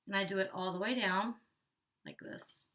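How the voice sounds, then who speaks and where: This beauty vlogger's mid-range voice has fairly even intonation, normal speed and a sharp tone. The young woman chats casually during a hair tutorial, full of "like" and a bit congested and out of breath, recorded distant from the mic.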